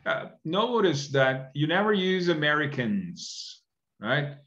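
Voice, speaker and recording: A man's voice: fairly high pitch, big pitch swings, slow pace, fairly bright tone. A middle-aged man teaches an online English class from home. His voice rises and falls a great deal. It comes through a dull, lo-fi webcam recording. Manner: explanatory, often checks with "right?".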